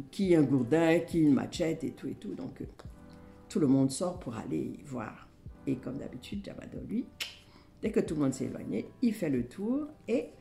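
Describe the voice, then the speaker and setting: Low gravelly woman telling a bedtime tale. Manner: lively, conversational asides. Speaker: storyteller. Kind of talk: bedtime folktale narration.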